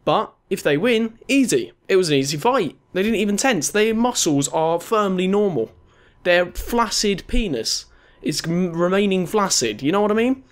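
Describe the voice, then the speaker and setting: A man's voice: sits high, lively intonation, moderate pace. A young male gaming YouTuber doing a casual countdown, ranting sarcastically and swearing freely, his speech slightly slurred by a dental retainer.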